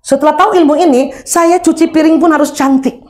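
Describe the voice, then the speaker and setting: A high-pitched, brisk middle-aged woman gives a religious lecture on marriage and parenthood, full of energy and humor as she acts out common examples.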